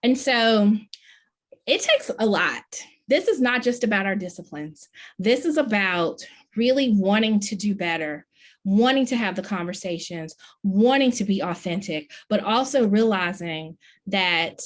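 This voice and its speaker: A woman's voice: medium pitch, expressive, a little slow. A middle-aged woman, a professor, delivering a conference keynote in an earnest, emphatic way, with many questions. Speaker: plenary speaker, professor.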